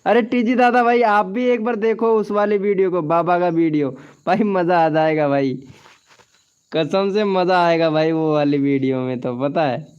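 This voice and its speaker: A man's voice: high-pitched, fairly even intonation, normal speed, a little mellow, smooth. A man hosting a casual live stream, chatting and joking with viewers, often laughing and swearing by oath. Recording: dull lo-fi stream audio.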